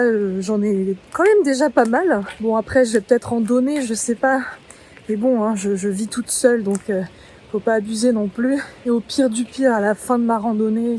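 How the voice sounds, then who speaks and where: A travel vlogger from Yvelines, France, chats casually as she hikes along a forest trail outdoors, thinking aloud with plenty of fillers. Her voice is fairly high-pitched and a little mellow.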